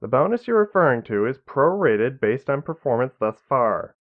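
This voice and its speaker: A man's voice: a little high, very animated, moderate pace, phone-quality sound, voice pushed up. A man voicing a cool, condescending male corporate representative.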